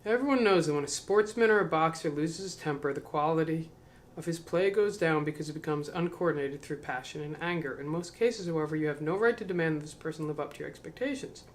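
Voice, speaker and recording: Reading from a spiritual book for the camera, a man pauses for slow, reflective remarks, asks himself questions, and lets his words fade into mumbling. His voice runs on the high side.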